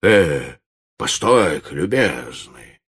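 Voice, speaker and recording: A man voicing a fat, pompous gentleman doctor with a condescending, booming bass voice in an audiobook. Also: big pitch swings, very slow, husky, heavily acted. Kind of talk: audiobook narration.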